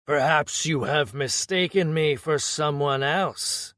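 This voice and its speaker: A man voicing a smug, scheming female orc adventurer who speaks slowly with false politeness in an audiobook. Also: on the high side, fairly bright tone, no room sound, studio quality. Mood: smug, condescending. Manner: slow, gravelly, falsely polite. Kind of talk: audiobook character voice.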